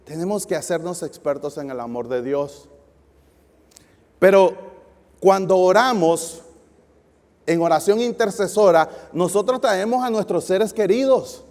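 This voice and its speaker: A male guest pastor preaching a sermon, lively and asking the audience questions. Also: high-pitched, a little slow, long pauses. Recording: long hall reverb.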